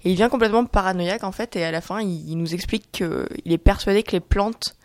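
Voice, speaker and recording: A woman guest on a podcast, casually explaining a book in a quick, lightly amused way. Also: mid-range voice, no room sound. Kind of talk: casual chat among friends.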